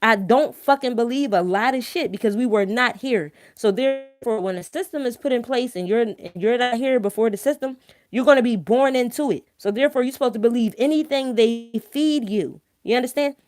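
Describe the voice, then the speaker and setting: On the high side and darkish in tone, her brisk voice comes through clean studio sound without echo. A live-stream host with a thick Philadelphia accent, she gives viewers her blunt, emphatic opinions in slang, swearing freely. Tag questions keep popping up to check they're following.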